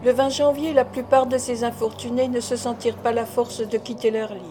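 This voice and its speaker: A woman narrating a classic novel as an audiobook, in a steady, measured reading style. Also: fairly high pitch, music in the background.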